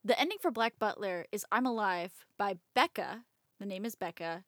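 A woman hosting a casual podcast, talking in an animated way. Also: mid-range voice, normal speed, dry recording, studio quality. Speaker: podcast host and editor. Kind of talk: casual chat.

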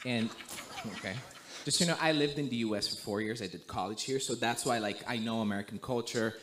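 A young man from Romania, a guest missionary, telling a story in a relaxed way, full of "like" and "you know". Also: medium pitch, brisk, slight background noise. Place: church sanctuary.

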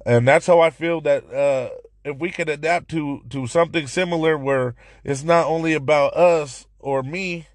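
Hoarse from yelling, a Central California man hosts a casual solo podcast in a raspy, fairly high voice. He talks excitedly and rambles at a moderate pace, barely pausing and restarting sentences again and again. The recording is dry and close, with no room sound.

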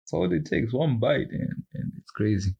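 A man's voice: medium pitch, animated, moderate pace, gravelly, mellow, breathy edge, lo-fi sound. A man from Zimbabwe chatting on a podcast, telling stories animatedly and mimicking people, laughing often. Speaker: podcast co-host. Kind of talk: casual chat.

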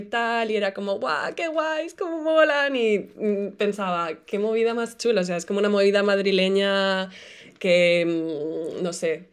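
A woman's voice: fairly low pitch, clear, resonant tone. A woman hosting a podcast who chats enthusiastically with casual slang and asks rambling questions. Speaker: podcast host. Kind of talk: casual interview chat.

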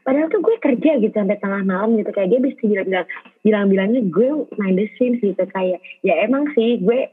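A young woman from Bekasi co-hosting a podcast, chatting in relaxed, rambling slang. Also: medium pitch, brisk, breathy edge, phone-quality sound. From Bekasi, Indonesia. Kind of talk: casual chat.

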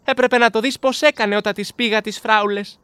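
A woman voicing a shy, honest male hare, a father, in a storybook reading, earnest and soft-spoken. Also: on the high side, fairly even intonation, clean tone, no echo, voice pushed up, close to an everyday voice. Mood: sad. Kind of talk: storybook character voice.

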